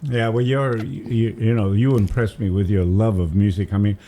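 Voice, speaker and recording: An older Massachusetts man guest-DJs on the radio, rambling with enthusiasm in casual studio chat and humming tunes while he tells stories. His voice is fairly low, steady and mellow, at normal speed.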